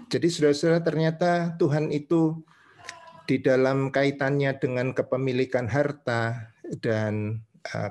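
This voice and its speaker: With an Indonesian accent and a medium-pitched, slightly mellow voice, a male preacher gives a teaching sermon. He alternates between reading verses and explaining them in short, measured phrases that build each point, frequently slipping in small confirming tags.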